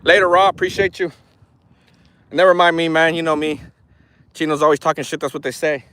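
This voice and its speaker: A man's voice: a little high, steady tone, a little fast, pushed and bright, dry recording. A man in his forties chatting on a phone livestream outdoors, rambling and frank, swearing freely with tough talk. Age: 40s. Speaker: RC hobby vlogger. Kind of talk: casual livestream chat. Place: outdoors near an orchard.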